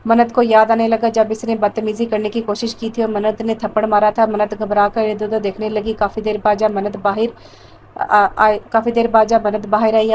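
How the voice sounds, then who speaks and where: Woman narrating an audio novel, even-toned. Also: mid-range voice, a little hiss or hum, rough recording. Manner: plain storytelling, reads all the roles herself. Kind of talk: scripted narration.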